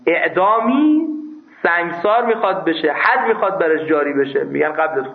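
A man's voice: fairly high pitch, expressive, creaky. A man teaching a seminary class on religious law, emphatic and scolding, who raises his voice at his students. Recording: tinny phone-like recording.

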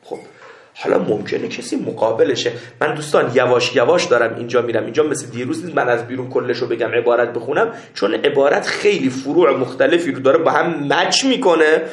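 A man teaching a seminary class, reading Arabic text slowly and explaining it step by step, often checking that his students follow. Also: mid-range voice, echoey room. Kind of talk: classroom lecture on Islamic jurisprudence.

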